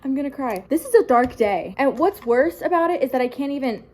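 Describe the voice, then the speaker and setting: A woman's voice: sits high, expressive, fairly quick, a little mellow, a little hiss or hum. A young woman talks straight into her phone camera, and the sound is that of a phone video. She rambles and vents, circling back to the same points. She sounds upset throughout. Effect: recorded as a phone video. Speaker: vlogger. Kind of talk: casual vlog talk to camera.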